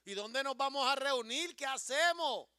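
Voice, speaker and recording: Impassioned preacher man, very high and bright voice, dry close sound. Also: expressive, unhurried, no echo. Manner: impassioned, swings from hushed storytelling to rising declarations. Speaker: pastor. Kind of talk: sermon.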